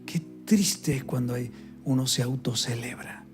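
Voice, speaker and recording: A man's voice: mid-range voice, unhurried, soft background music. A male pastor preaching a sermon in a conversational way, asking the congregation to repeat words after him.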